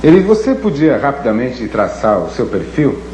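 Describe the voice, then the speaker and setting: A man interviewing a guest on television, asking formal broadcast questions in a measured, courteous manner. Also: medium pitch, wildly swooping pitch, darkish tone, slight background noise. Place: TV studio. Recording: echoey 1970s TV studio audio.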